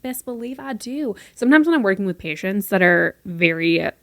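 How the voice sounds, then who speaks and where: Expressive and a bit bright, her mid-range voice comes through with clean studio sound and no echo. She's a North Carolina woman in her twenties hosting a casual solo podcast from her room, fast-talking, chatty and playful, with a mostly neutral American accent and occasional light Southern lilt.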